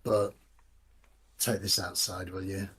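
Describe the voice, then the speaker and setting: A man's voice: sits low, level tone, slow pace, fairly bright tone, slight background noise, pitched below the performer's own voice, full character voice. A man voicing a firm, weary barman.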